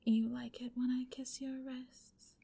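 Woman whispering slow and commanding, breathy with a bit of gravel. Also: high voice, little pitch movement, mellow. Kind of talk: whispered ASMR roleplay.

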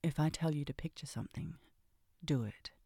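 A woman doing a sultry, seductive ASMR role-play, breathy and often dropping into a soft voice, with a teasing, commanding way of talking. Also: low voice, brisk, no room sound, clean studio sound.

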